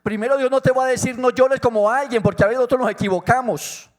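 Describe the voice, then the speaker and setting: A man preaching a sermon as pastor, moving between soft, intimate passages and loud, fervent calls, acting out quiet prayers and quoted words. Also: extremely high pitch, steady tone, fast. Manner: acts out prayers and quoted dialogue in quiet tones. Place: church.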